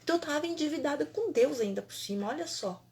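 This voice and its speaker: A woman, a holistic therapist telling a personal story in an animated, emphatic way, repeating phrases for effect. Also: sits high, fast.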